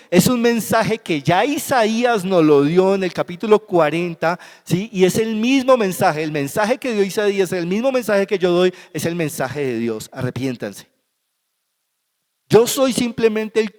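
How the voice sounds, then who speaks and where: A man's voice: sits high, a little mellow. A man with a Colombian Spanish accent preaching a sermon as pastor, emphatic and repetitive in his delivery. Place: church sanctuary. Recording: long church hall reverb.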